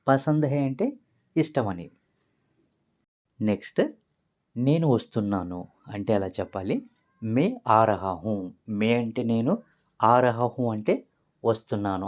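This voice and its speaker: Guy teaching phrases, voice swings up and down a lot, goes over each word slow and patient. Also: on the low side, a little mellow. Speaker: language teacher.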